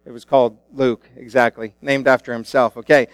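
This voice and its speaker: A man's voice: mid-range voice, flat delivery, brisk, clear, resonant tone, dry recording. A male pastor preaching a sermon into a pulpit microphone in a church, in a casual, conversational way with many fillers and restarts. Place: church sanctuary.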